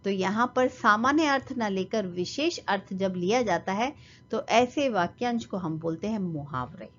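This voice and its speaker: A woman's voice: mid-range voice, animated, measured pace, fairly bright tone, lo-fi sound. A woman teaching a children's lesson, patiently spelling words out for young kids.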